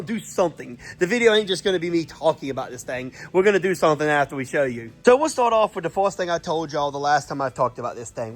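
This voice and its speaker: A man's voice: on the high side, a bit bright. A man with a Southern US accent and a congested, snotty voice, rambling casually in a folksy, griping way as he hosts a repair vlog and corrects himself. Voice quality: congested, snotty from a sinus infection. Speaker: host of an off-road vehicle repair channel. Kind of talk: casual rambling vlog, showing parts to camera.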